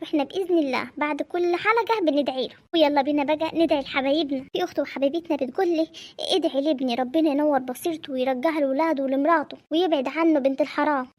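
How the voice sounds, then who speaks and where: A woman with an Egyptian accent closing her cartoon video, greeting viewers affectionately and praying for them. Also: sits high. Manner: affectionate, prayerful. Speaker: cartoon channel creator. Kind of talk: warm video outro with prayers for viewers.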